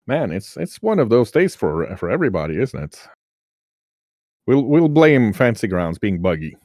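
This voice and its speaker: A man running a tabletop game as game master, narrating turns in a relaxed, wry, chatty way. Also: lowish voice, normal speed, no echo, clean studio sound.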